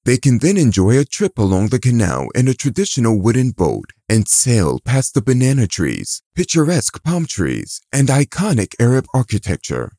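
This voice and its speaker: A man reading scripted audio guide narration in a polished, measured tourist-guide delivery. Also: mid-range voice, warm tone, no room sound, clean studio sound.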